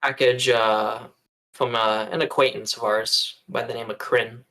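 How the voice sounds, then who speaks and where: A man role-plays casually as a tabletop game player. His voice is mid-pitched, with a sharp, bright edge. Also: flat delivery, unhurried. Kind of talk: casual improvised role-play chat.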